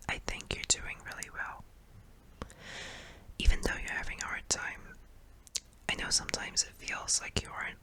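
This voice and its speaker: For an ASMR roleplay, a performer plays a kind, apologetic sleep paralysis demon, speaking in a soft, hesitant, breathy whisper. The recording quality is low.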